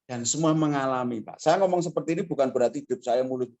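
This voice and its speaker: Speaking at medium pitch and a quick pace, this guest speaker delivers a fiery motivational talk on a video call with lo-fi sound. His storytelling is emphatic, moving from quiet asides to loud outbursts.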